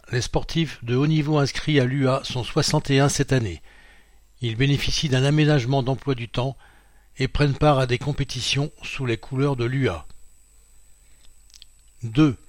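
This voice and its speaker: Male reader, mid pitch, plain dry studio sound; reads articles aloud, calls out pages and quote marks. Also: normal speed, no room sound. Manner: reads out quote marks and page numbers, steady informative delivery. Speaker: magazine reader. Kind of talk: read-aloud narration of a printed magazine.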